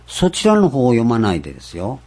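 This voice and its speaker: A man preaching a sermon, stressing points with rhetorical questions and slowing down for scripture. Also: mid-range voice, huge pitch swings, warm tone, slightly rough. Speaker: pastor.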